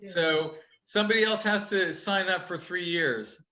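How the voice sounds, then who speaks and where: Male instructor on a video call, fairly high and bright-toned, fast and teasing. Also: low-quality recording. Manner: chatty, upbeat, teasing jokes; talks quickly. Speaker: college instructor. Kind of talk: casual online class over video call.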